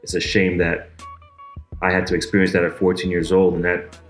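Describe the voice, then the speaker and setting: A man in his thirties from Montreal, a basketball coach, telling a personal story in a steady, even way. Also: deep voice, brisk. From Montreal, Quebec. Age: 30s. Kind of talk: personal testimony to camera. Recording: echoey room, soft guitar music behind.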